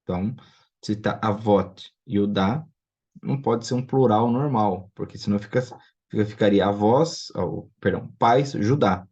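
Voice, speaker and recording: A man's voice: fairly low pitch, unhurried, a little mellow, breathy edge. A man teaching a recorded online lesson, explaining patiently and often checking in with his students. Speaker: Biblical Hebrew teacher. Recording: dull lo-fi recording.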